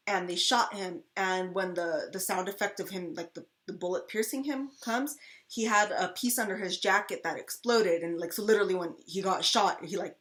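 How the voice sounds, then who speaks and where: A woman co-hosts a relaxed fan Q&A, telling long stories that wander along with plenty of fillers and restarts. Her voice sits at an ordinary middle pitch. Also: moderate pace, slight background noise. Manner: rambling storyteller, many fillers and restarts. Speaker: channel co-host. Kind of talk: casual fan Q&A chat.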